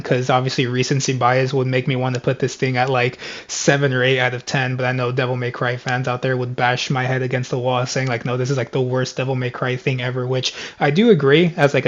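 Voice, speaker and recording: A man talks through a casual review on his gaming channel in a rambling way, padding nearly every thought with "like". His voice stays fairly flat and level. It is picked up by a headset mic that sounds dull and lo-fi. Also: medium pitch. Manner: rambling, fills speech with "like".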